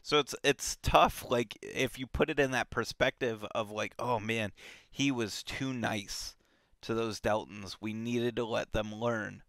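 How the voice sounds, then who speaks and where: A book club podcast host chats casually about a book, relaxed and animated, with lots of fillers and sentences he stops and restarts. His medium-pitched voice is bright and crisp, his pace unhurried, and the sound is dry and close with no room noise.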